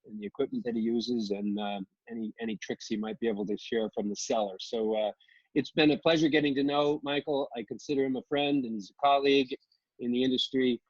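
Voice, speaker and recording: A man hosts a live-streamed interview with a husky, breathy voice. He hesitates often and restarts his sentences. The sound is dry and dull, like basic livestream audio. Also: medium pitch, fairly even intonation, no room sound. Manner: halting, many fillers and restarts. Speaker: host.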